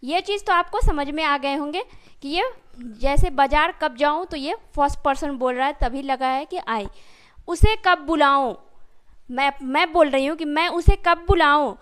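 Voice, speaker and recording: Very high-voiced woman teaching English. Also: fairly bright tone. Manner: explains step by step, slows right down for example sentences; addresses students directly and often asks questions. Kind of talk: spoken English lesson.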